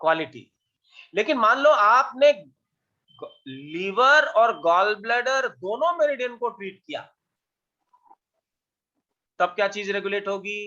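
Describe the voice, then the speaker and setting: A man's voice: sits high, expressive, bright, forceful tone, muffled recording. Man teaching, quizzing his students. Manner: quizzing students with quick questions, mixing Hindi and English. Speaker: acupuncture teacher. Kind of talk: online class lecture.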